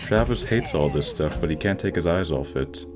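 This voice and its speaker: A man with a low, expressive voice narrates a scripted film analysis for a video essay at normal speed. Instrumental music with plucked guitar plays beneath the voice-over.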